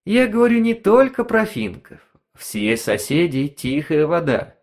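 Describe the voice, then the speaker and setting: A man's voice: on the high side, very animated, a little slow, vocal fry, voice pushed up, heavily acted. A man voicing a sly, insinuating talking device that whispers neighbourhood gossip in a story reading. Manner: insinuating, snickering.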